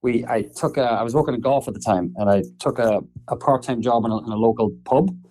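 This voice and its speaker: A man's voice: mid-range voice, fast, warm tone, poor audio. A man from Ireland with an Irish accent, a guest in a casual podcast interview, telling stories and laughing often. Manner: chatty, laughs often, storytelling. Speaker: guest, soccer marketing executive.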